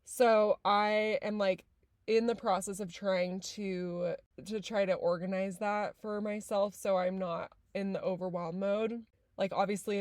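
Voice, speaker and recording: Her voice is lowish and darkish, recorded dry: a woman from San Diego opening and chatting on her podcast. She sounds a little nasal and congested, keeping it casual and chatty with plenty of "like" and other fillers.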